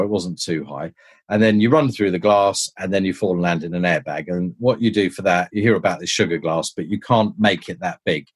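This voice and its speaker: A man, a stuntman, telling anecdotes in a casual, animated way and jumping his pitch to act out the people he quotes. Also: slightly rough.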